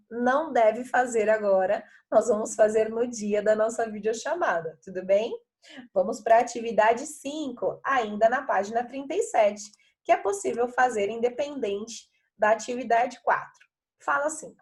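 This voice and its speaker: A middle-aged woman teacher from Brazil walking pupils through workbook exercises in a video lesson, patient and chatty, often checking that they follow. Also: on the high side.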